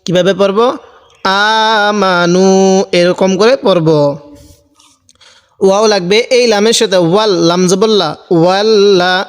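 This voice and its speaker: A man teaching Quran recitation, spelling out each word slowly and repeating the rules patiently step by step. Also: high-pitched, steady tone, in a large hall. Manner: slow, repetitive, patient step-by-step drilling.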